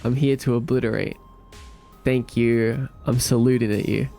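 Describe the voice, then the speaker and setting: A man's voice: mid-range voice, steady tone, normal speed, creaky, mellow, faint music behind. A young man, casually chatting and joking with his livestream viewers. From Australia. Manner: playful, laughing, teasing chat. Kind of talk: casual chat reading viewer comments.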